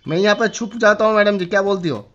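A gamer streamer with a high, fast, fairly bright voice pranks a stranger over voice chat in a shooter game, teasing him in a playful, flirty way. The noisy game-chat audio has a lo-fi quality.

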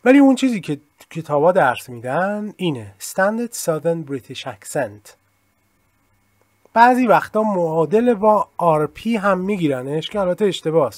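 A man whose first language is Persian teaches an English lesson in a recorded screen-share, explaining at length with modest asides and many examples. His high-pitched, darkish voice is very animated, with no echo.

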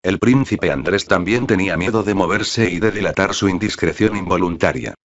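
A man narrating a classic novel as an audiobook, reading in a measured, steady way. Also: low-pitched. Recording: dull lo-fi recording.

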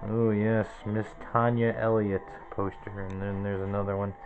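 A man's voice: lowish voice, flat delivery, normal speed, phone-quality sound, a little hiss or hum. A man in his twenties giving a casual, rambling tour of his small cluttered bedroom, naming objects one after another into a handheld camera. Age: 20s. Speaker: vlogger. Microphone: handheld camera close to the face.

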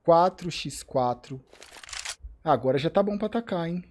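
A man with a Brazilian Portuguese accent reacting live to an esports match, excitable and profane, repeating short cries. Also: on the high side, unhurried, a little hiss or hum. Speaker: streamer commentating an esports match. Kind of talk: live game reaction commentary.

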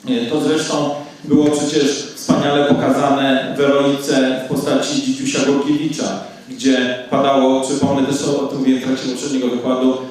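A man lecturing on film at a measured, thoughtful pace, often pausing with hesitations. His voice sits at a middle pitch. He is recorded in a very echoey room, well back from the microphone. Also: flat delivery, darkish tone, distant mic. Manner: measured, reflective, many hesitations.

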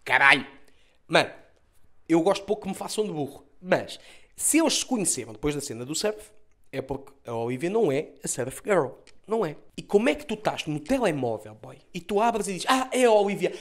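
Fast, high-voiced Portuguese comic ranting. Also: male voice, sing-song, fairly bright tone. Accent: Lisbon Portuguese. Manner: mocking, swears a lot, mimics characters. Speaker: comedian reviewing a TV series. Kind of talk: sarcastic comedic recap.

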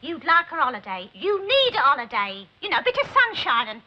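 An actress playing a bossy, excitable middle-aged working-class London friend in a television drama, chatty and insistent. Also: female voice, sits high, a little fast. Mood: persuasive. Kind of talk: 1960s television drama acting. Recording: dull old TV soundtrack, hiss.

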